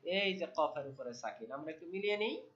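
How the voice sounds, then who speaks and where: A man teaching Quran pronunciation in an online class, drawing out each word slowly so students can repeat after him. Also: on the high side, lively intonation, fairly bright tone. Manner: slow, drawn-out modeling of words for students to repeat. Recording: dull lo-fi audio.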